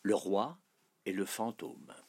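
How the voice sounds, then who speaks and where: A man reading a storybook aloud in a soft voice that sometimes drops to a whisper. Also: fairly low pitch, takes it slowly, slightly rough. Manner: soft, dropping to a whisper on some phrases.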